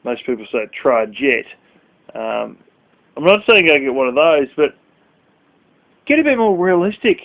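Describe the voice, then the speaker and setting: A blunt, foul-mouthed man rambles through a casual vlog rant late at night, sleepy and yawning. His voice sits a bit high for a man. The sound is thin and tinny, like a phone line. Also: very animated, moderate pace, creaky, pauses often. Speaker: vlogger.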